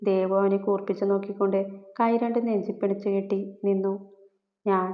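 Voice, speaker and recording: A woman reads a love story aloud in a steady, level voice with little rise and fall. The sound is roomy and muffled. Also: medium pitch, fast. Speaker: narrator.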